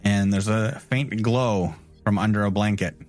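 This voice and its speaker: Casting: slow, lower-pitched man as game master, unhurried narration full of fillers. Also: darkish tone, soft background music.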